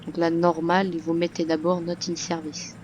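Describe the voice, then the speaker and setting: A woman's voice: lowish voice, little pitch movement, moderate pace, darkish tone, slight background noise. A woman talking through a game tutorial in a casual voice-over, hesitant, with many fillers and restarts. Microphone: computer microphone.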